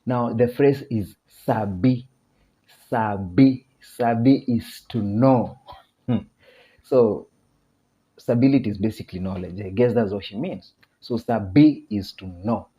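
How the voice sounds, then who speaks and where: A man with a Kenyan accent teaching a casual video lesson, chatty, laughing often and repeating phrases slowly. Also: on the low side, dark tone.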